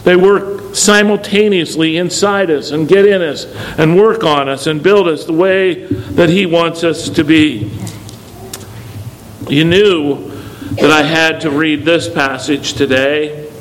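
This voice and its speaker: Emphatic male pastor, slightly high voice. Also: slight background noise, rough recording. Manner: emphatic, repeating key words for stress. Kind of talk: sermon.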